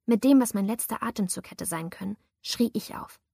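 A woman reads a first-person audiobook with tense, suspenseful delivery. Her voice is gravelly and husky, recorded close and dry. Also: medium pitch, a little fast, dark tone, no echo. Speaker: audiobook narrator.

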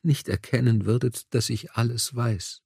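A man's voice: medium pitch, fairly even intonation, measured pace, gravelly, darkish tone, slightly rough, dry recording, clean studio sound, exaggerated voice. A man whispering as a feverish dying noblewoman. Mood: tender. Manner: breathless whisper. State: feverish, weak. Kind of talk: audiobook dialogue.

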